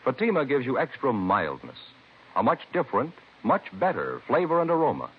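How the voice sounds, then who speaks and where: A man reading a scripted 1950s radio commercial as announcer, with deliberate sales emphasis. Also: mid-range voice, wildly swooping pitch, husky. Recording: muffled vintage radio recording.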